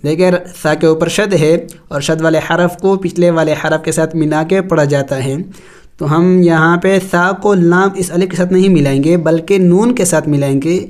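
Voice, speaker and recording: A man teaching tajweed, spelling out Arabic letters slowly and reciting, then explaining the rules. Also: a little high, fairly even intonation. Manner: slow drawn-out recitation between plain explanations.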